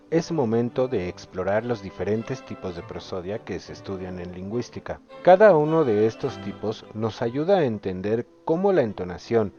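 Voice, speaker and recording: A young man, a student presenter, reading a scripted lesson narration in a measured, explanatory way. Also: on the low side, dark tone. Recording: dull lo-fi voice-over.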